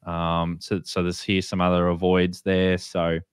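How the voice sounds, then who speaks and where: With a screen share running, a low-voiced Australian host gives an informal explanation, halting and repeating words along the way. His delivery is completely flat, and the clean, close, dry sound has no echo and almost no room.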